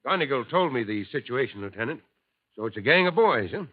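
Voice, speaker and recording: A steady, fatherly fire chief in a 1950s radio drama speaks briskly with calm, kindly authority. His mid-range voice sounds thin and tinny, like an old telephone line, and the audio is completely dry with no echo.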